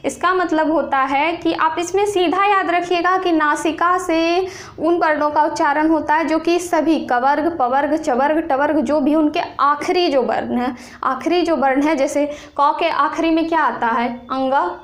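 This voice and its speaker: High-voiced woman teaching a lesson. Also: steady tone. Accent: Bihari. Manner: slow, repeats rules aloud and asks questions to the viewer. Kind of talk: classroom grammar lesson.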